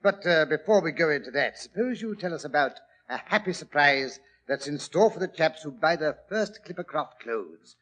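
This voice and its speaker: An actor playing a genial, chatty English doctor telling old detective adventures in 1940s radio drama style. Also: male voice, fairly high pitch, moderate pace, hardly any pauses. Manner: chatty, old-fashioned gentlemanly, expressive.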